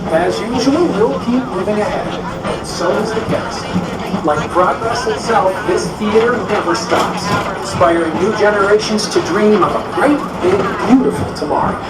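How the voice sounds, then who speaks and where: A man giving smooth, upbeat scripted ride narration, played over an outdoor loudspeaker. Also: high voice, normal speed, pauses often. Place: outdoor theme park ride. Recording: echoey loudspeaker heard from a distance, music behind. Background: loud music, crowd.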